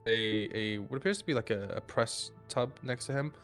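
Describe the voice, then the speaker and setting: A man narrating as the game master of a tabletop game, in loose, filler-heavy narration that speeds up in sudden rushes. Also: medium pitch, fairly bright tone, faint music behind.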